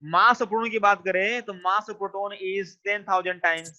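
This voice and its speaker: A man with a bright, ringing, high voice teaches an online class extremely slowly, repeating questions until his students answer. The sound is dull and lo-fi.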